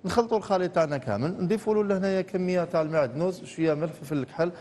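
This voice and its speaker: A man's voice: high voice, darkish tone, big-room sound, a little hiss or hum. A man with an Algerian accent, a TV chef talking through a recipe step by step in a studio kitchen. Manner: rapid, explaining steps. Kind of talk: cooking demonstration.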